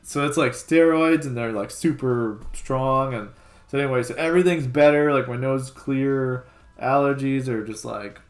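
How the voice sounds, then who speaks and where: A man of middle pitch chatting loosely in a home vlog. He rambles, stacks up filler words and keeps circling back to his point. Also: normal speed, soft background music. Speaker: co-host. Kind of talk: casual chat.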